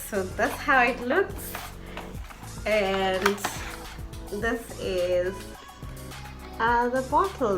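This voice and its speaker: A woman vlogger chatting casually to camera in an effusive way, often repeating words for emphasis. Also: mid-range voice.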